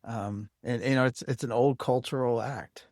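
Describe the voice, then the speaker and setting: A man's voice: mid-range voice, steady tone, normal speed, darkish tone, dry recording, clean studio sound. A man hosting a podcast interview, chatting casually and rambling with lots of fillers. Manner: rambling, many fillers like "you know". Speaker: podcast host.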